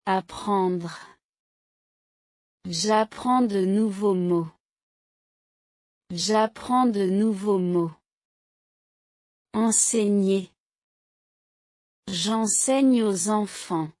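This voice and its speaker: A woman teaching French vocabulary in a slow drill, saying each word and then a short sentence twice, clearly and deliberately. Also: medium pitch, darkish tone, dry recording, clean studio sound. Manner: clear, deliberate, evenly paced.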